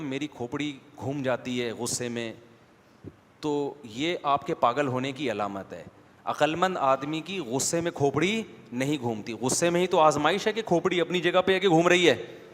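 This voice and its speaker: A male preacher gives a religious lecture, his voice sitting a little higher than most men's. He talks in a casual, conversational way and keeps putting questions to the audience. A long reverb trails behind him, as in a large hall. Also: a bit bright. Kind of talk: Islamic lecture.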